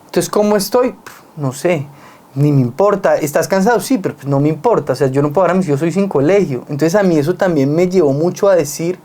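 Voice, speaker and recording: An earnest Colombian man speaks in a relaxed, reflective conversation, his tone mellow and warm. He works his points through with plain everyday examples. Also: on the high side, fast talker.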